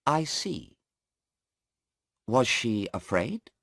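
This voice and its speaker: A man voicing a sharp, insistent male defense lawyer in a story read aloud, pressing a witness with pointed questions. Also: mid-range voice, big pitch swings, extremely slow, creaky, no echo, studio quality, voice pushed up, full character voice. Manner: pointed questioning, pushes hard.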